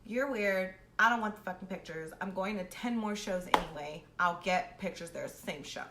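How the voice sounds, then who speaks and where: A young adult woman hosts a storytime series, recounting a personal story in a casual, animated way at medium pitch and moderate pace. Her talk is brash, slangy, and heavily profane, and she acts out both sides of exchanges. The recording has a roomy echo and faint background noise.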